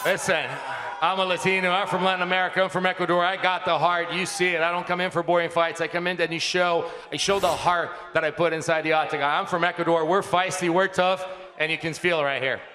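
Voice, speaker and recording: High-voiced man interpreting in an echoey hall. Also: flat delivery, fast talker, pushed and bright. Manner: emphatic, repeats phrases. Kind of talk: press conference interpreting. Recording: echoey hall with background noise.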